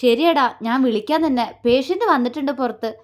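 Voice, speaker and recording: A woman's voice: high voice, brisk, natural voice. A woman voicing a young man, a casual, matter-of-fact friend talking on the phone in an audio story.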